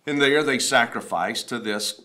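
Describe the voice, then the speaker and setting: This sexagenarian pastor's voice is mid-range and bright with a forceful edge, moving at normal speed. He rambles through a casual chat about a sermon, storytelling and often beginning again, while sitting at a table in a wood-paneled studio.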